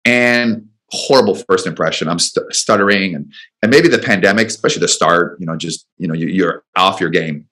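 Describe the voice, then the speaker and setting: Very low-voiced man telling a story. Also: fairly quick. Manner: rambling, animated storytelling with acted quotes. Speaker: business coach guest. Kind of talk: radio interview storytelling.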